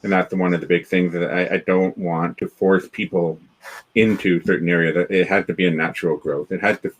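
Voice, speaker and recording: The speaker is a Canadian founder of a developer community, appearing as a guest on a casual video-call interview and rambling through frequent restarts and fillers. He has a deep voice, a flat delivery and a brisk pace. The recording quality is low.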